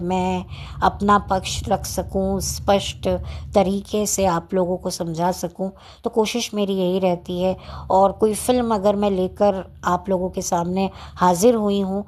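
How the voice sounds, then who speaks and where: Woman vlogger, unscripted film-chat channel, slow, deliberate, chatty delivery. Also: medium pitch, darkish tone. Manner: slow, deliberate and chatty, speaking without notes. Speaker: YouTuber reviewing films. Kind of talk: unscripted talk to camera.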